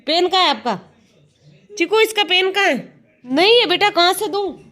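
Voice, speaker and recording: A woman's voice: very high-pitched, lively intonation, normal speed, fairly bright tone. A young woman vlogging at home in casual chat, talking to and coaxing small children. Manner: chatty, scolding and coaxing children. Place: home indoors.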